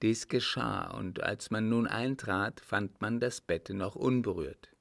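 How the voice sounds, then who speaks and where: Low gravelly guy reading an audiobook, really slow, dry close sound. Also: no room sound. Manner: steady, unhurried storytelling. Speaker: audiobook narrator. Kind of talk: scripted narration.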